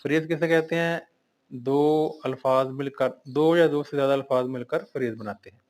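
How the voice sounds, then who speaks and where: A man's voice: medium pitch, moderate pace, a little mellow. A male English teacher going through a vocabulary lesson in Urdu, reading out each word and then listing its synonyms and meanings.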